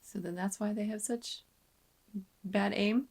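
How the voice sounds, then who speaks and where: A woman's voice: medium pitch, steady tone, unhurried, creaky. A woman giving casual movie reaction commentary, musing and making wry asides. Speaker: film reaction host. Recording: noisy, with clicks.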